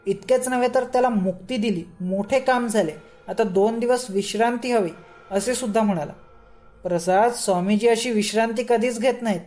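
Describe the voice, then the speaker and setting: A woman's voice: mid-range voice, dark tone, natural voice. A woman reading as a shrewd older man. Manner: firm, level-headed, explaining. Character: shrewd, calm older man, devoted disciple.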